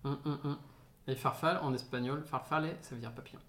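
A man's voice: mid-range voice, quick pace, a bit bright. Playful rambling young man in a roomy room. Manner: rambling, playful, full of fillers. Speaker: podcast co-host. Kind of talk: casual chat among friends. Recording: roomy echo, faint noise.

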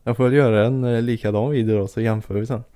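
A Swedish man co-hosting a casual chat, easygoing and quick to agree. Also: medium pitch, fairly even intonation, warm tone, clear, resonant tone, dry recording, clean studio sound. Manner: easygoing, short agreeing replies. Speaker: podcast co-host.

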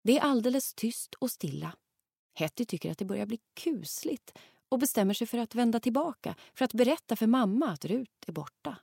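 A woman narrating a children's audiobook, reading lively and acting out the lines. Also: on the high side, creaky, breathy edge, no room sound, clean studio sound. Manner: lively, acts out the characters' lines.

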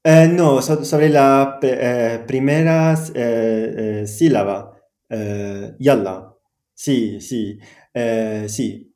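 A man's voice: mid-range voice, fairly even intonation, extremely slow, warm tone, echoey room. A man whose first language is Arabic, speaking Spanish as a guest teacher, hesitant with many fillers and frequent laughs. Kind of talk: conversational interview.

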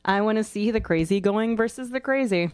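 A woman's voice: medium pitch, a little mellow, smooth, no room sound. A woman co-hosting a casual chat, arguing her picks with strong opinions. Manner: opinionated, quick to argue. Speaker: co-host. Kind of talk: casual chat about fictional matchups.

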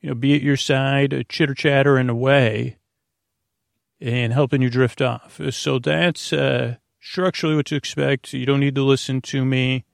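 The host of a bedtime sleep podcast rambles through a wandering monologue, stammering repeats and letting sentences drift into tangents. His creaky, fry-edged voice sits at medium pitch with little pitch movement and a normal speed, recorded dry and close.

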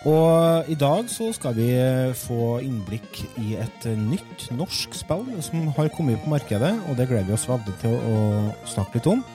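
A man of forty presenting a podcast in a casual, chatty style. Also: medium pitch. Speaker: podcast host.

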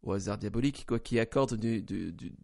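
A man with a gravelly, broken, slightly wheezy hoarse voice, talking conversationally and haltingly as he searches for words. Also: lowish voice, warm tone. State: hoarse for a few days. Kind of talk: conversational opinion discussion.

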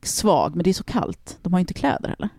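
Gravelly woman telling a story animatedly. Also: lowish voice, no room sound, clean studio sound. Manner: animated, swearing, acts out quoted people. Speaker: podcast host telling a story. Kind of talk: casual storytelling chat.

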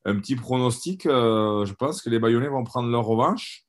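A man's voice: mid-range voice, moderate pace. A man giving his opinions as a pundit in a casual sports discussion. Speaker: rugby pundit.

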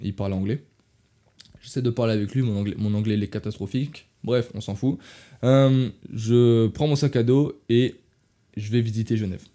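A man's voice: lowish voice, steady tone, moderate pace, dark tone. A young man from France telling travel stories in a casual, rambling podcast, often correcting himself and talking straight to his listeners. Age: young adult. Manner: rambling, restarts and self-corrections, addresses listeners as "les gars".

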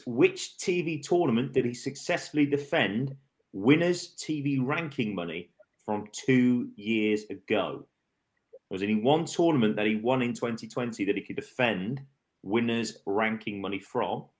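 A man hosting a casual darts chat show, reading quiz questions slowly and teasing the panel. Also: medium pitch. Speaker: quiz host of a darts podcast.

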